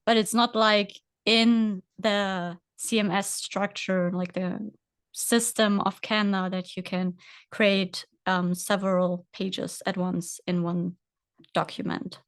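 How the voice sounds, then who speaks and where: A woman's voice: medium pitch, flat delivery, slow pace, smooth, no echo. A woman guest presenting a casual screen-share tutorial, hesitant, full of fillers as she walks through the steps.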